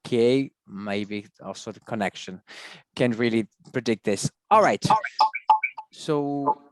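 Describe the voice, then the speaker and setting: A man hosts an informal video call. His voice is mid-pitched, with almost no room sound. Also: takes it slowly, dry recording, rough recording. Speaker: meeting host. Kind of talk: informal online presentation.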